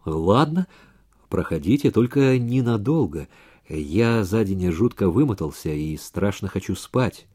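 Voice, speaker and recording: A man voicing an accused flat owner who answers calmly, without raising his voice, in a story reading. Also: on the low side, unhurried, husky, pitched below the performer's own voice. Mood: calm defiant. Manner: calm, level, not raising his voice.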